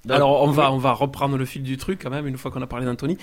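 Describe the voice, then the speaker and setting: Man, mid-pitched voice, earnest band guest, radio chat, promotional tone. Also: little pitch movement, fast.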